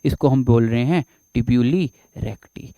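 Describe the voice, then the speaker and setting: A man's voice: mid-range voice, takes it slowly, no room sound, dull audio. A man teaching a biology lecture at a board, who repeats his own questions, answers them, and keeps reassuring his students.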